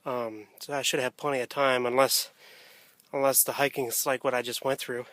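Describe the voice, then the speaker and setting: A man narrating a hiking vlog in a casual, unscripted way, often pausing mid-thought, recorded outdoors on a handheld camera. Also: medium pitch, little pitch movement, fairly bright tone, no echo. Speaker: hiker filming a trail vlog. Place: outdoors on a wooded rocky trail near a stream. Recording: outdoor camera audio with ambient noise.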